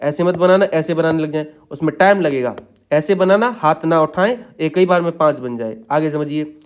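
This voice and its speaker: A man teaching shorthand in a patient step-by-step tutorial, checking in after each point. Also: fairly high pitch.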